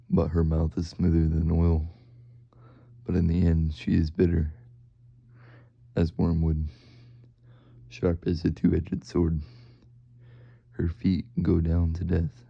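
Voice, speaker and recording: Very deep, flat monotone man reading scripture. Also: vocal fry, no room sound, lo-fi sound. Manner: deadpan, halting with stumbles over words. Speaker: reader.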